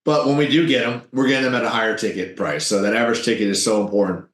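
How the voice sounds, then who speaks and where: A man telling business tips in an interview, animated and salesy. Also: mid-range voice, reverberant. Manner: animated, salesy, quick asides. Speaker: guest, business owner.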